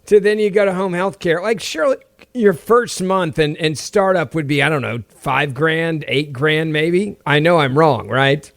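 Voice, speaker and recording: Brief: man with hiccups, chatty joking co-host, slightly higher voice, dry sound. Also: normal speed, no echo. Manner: joking, chatty, reacts with short agreements. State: has the hiccups. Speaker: podcast co-host. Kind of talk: casual podcast banter.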